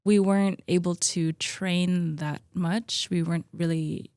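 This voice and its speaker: A relaxed woman in her mid-thirties chats about herself in a loose, friendly way, her speech full of "like" and "um". Her voice sits a little low for a woman. The sound is dry and close, with no room echo. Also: a little slow. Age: 30s. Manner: chatty, relaxed, many likes and ums. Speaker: podcast guest, gym co-owner. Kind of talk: casual conversational interview.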